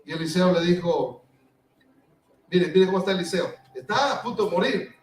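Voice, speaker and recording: A man's voice: sits high, normal speed. A man preaching a sermon as pastor, acting out the scripture with dramatic emphasis. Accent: Latin American Spanish. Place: church hall. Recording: echoey church from a distance.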